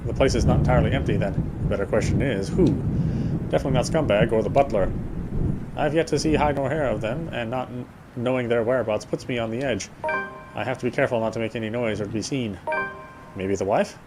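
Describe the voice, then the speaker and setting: Over loud music and with poor audio quality, a man hosts a playthrough of a horror visual novel, reading it aloud quickly in a medium-pitched voice. He sounds brooding and sometimes fumbles his words in this dramatic narration, and clear background noise is present.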